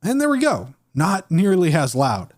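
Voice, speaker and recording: A man presenting a screen-recorded software tutorial, walking through each step clearly. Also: on the high side, wildly swooping pitch, a little slow. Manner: clear, step-by-step instructional delivery.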